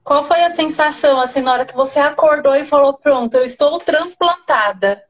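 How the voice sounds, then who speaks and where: A woman's voice: high voice, fairly quick. A woman hosting a casual online interview and asking friendly questions. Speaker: host. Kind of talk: casual video-call interview.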